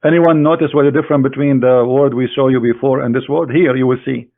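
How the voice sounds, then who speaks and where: Quick and fairly even in intonation, this mid-range male voice carries vocal fry and comes through thin, like a phone call. He's a religious critic mocking an opponent face-on during a screen demonstration, scornful and sarcastic.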